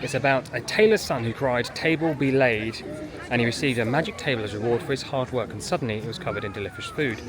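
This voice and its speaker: A parent vlogger speaks fast at a medium pitch while walking around a theme park with family, casually narrating and sometimes going into small buildings. A crowd can be heard, along with loud music and the park's outdoor ambience.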